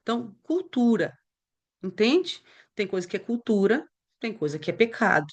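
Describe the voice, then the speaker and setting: Animated woman teaching. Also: mid-range voice, moderate pace. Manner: conversational, animated storytelling with acted dialogue. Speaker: Bible teacher.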